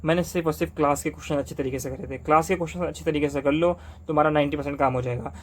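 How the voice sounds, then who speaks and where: A young man from Delhi giving exam study advice to camera in fast, insistent casual talk, repeating points with rhetorical questions. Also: a little high, fairly even intonation. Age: young adult.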